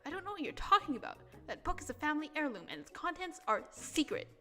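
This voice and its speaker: A woman's voice: high-pitched, big pitch swings, fast, bright, forceful tone, faint music behind, voice pushed up, exaggerated voice. A woman voicing a secretive young male student who talks defensively and haughtily.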